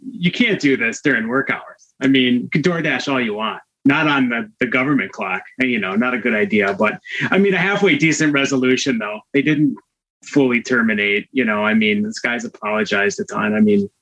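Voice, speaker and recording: A male panelist who hedges and restarts as he gives his view. His voice sits at an ordinary middle pitch. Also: moderate pace, fairly bright tone, muffled recording. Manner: hesitant, many restarts. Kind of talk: casual news talk.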